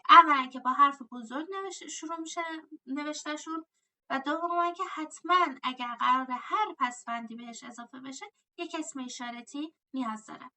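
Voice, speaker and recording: Woman teacher, high and very bright, explaining grammar patiently, recorded a bit off-mic. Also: recorded from a distance. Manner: explains step by step, asks and answers her own questions. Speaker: language teacher.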